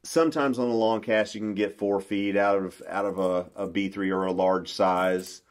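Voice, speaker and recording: Sitting at a table in a small indoor room, a middle-aged man who fishes bass professionally talks through his baits in a relaxed, folksy interview. He restarts often but keeps a steady tone and a moderate pace.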